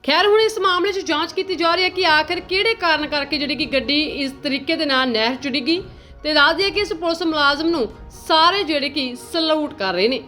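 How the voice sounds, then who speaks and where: A Punjabi-accented woman voices a news report in a measured, formal delivery. Her voice is notably high, with faint music running underneath. The delivery stays steady and scripted throughout. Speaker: news presenter.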